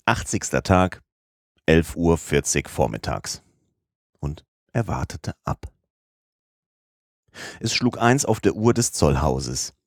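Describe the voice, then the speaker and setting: Man, very low voice, dry close sound, calm measured audiobook narration. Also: no room sound.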